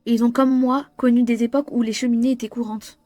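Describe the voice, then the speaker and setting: A woman's voice: a little high, level tone, fast, dark tone, dry recording, natural voice. A woman reading the lines of an ancient, courteous male vampire in a game, in a formal, polite manner.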